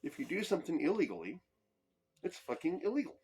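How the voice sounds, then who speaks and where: A man's voice: a little high, very animated, fast talker, gravelly, darkish tone, breathy edge. A man hosting a podcast, delivering a heated, profane political commentary monologue. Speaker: podcast host.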